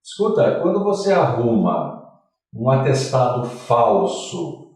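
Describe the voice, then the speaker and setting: A man's voice: mid-range voice, sing-song, slow, a little mellow, very echoey, recorded from a distance, low-quality recording. Theatrical, jokey male talk show host. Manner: theatrical, jokey, jumps between topics. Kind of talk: lively studio interview.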